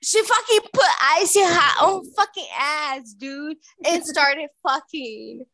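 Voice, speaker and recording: A woman's voice: high-pitched, takes it slowly, pushed and bright, no room sound. A tipsy young woman co-hosting a podcast, telling a crude story with giggles and restarts. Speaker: podcast co-host. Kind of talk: casual chat.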